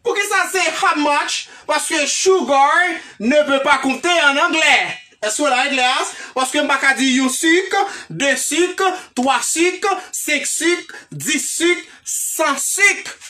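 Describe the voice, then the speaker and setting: Slow, bright-voiced Haitian woman teacher. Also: sits high. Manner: emphatic, repeatedly checks in with the class. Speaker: English teacher. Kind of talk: teaching an English lesson. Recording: voice a bit far from the mic.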